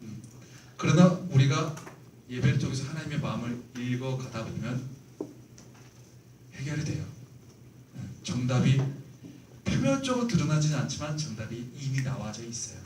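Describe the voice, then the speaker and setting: Animated man lecturing in echoey hall. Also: mid-range voice, normal speed, long pauses, a little hiss or hum. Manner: earnest, animated, explaining with acted examples. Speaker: church youth leader lecturer. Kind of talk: lecture to church leaders. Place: church meeting room. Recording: roomy hall, mic far off.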